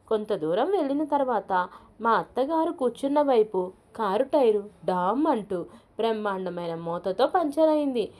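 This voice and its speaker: Woman reading a humorous story. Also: a little high.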